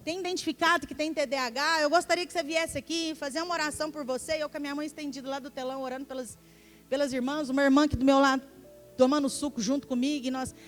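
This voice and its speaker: A high-pitched, quick-talking middle-aged woman preaches from a church pulpit. She acts out every exchange with lively energy and now and then sinks to a hushed voice. Soft music plays faintly behind her. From Minas Gerais, Brazil. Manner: animated storyteller acting out dialogue, drops to hushed tones. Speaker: apostle and preacher. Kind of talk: storytelling sermon. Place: church sanctuary.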